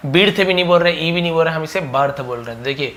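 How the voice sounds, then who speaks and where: A man teaching English pronunciation in a phonics lesson, repeating example words slowly and answering his own questions. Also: a little high, fairly bright tone.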